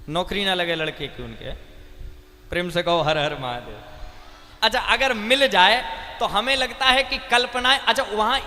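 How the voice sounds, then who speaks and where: A high-voiced male preacher tells playful stories and calls out to his listeners for replies. His tone is bright and ringing. The sound carries the long echo of a large hall, with faint music in the background. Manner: lively storyteller, calls out to crowd for responses. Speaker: Ram Katha preacher. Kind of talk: humorous sermon with storytelling.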